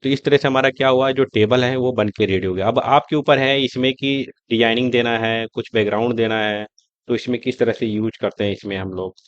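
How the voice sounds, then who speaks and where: A man teaching a screen-recorded coding lesson, talking step by step in a relaxed, conversational way as he types and shows results. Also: mid-range voice, a little fast, no room sound, dull audio. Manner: conversational, explaining step by step while typing. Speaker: coding tutor.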